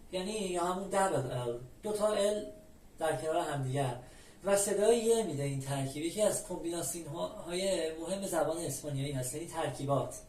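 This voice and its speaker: A patient, methodical teacher from Iran walks through the alphabet and repeats every example word slowly. The mic sits some distance away, so the voice carries a roomy echo. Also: medium pitch, a little mellow, a little hiss or hum. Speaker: language teacher. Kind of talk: explaining the Spanish alphabet step by step.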